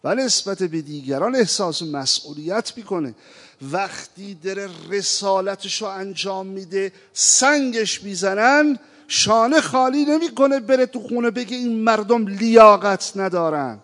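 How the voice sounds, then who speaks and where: A man preaching a sermon, moving from quiet reflection to impassioned appeals and slowly chanting verses. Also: high voice. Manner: impassioned, rising to emphatic appeals; recites verses in a slow chanting tone. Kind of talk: religious sermon. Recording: reverberant hall.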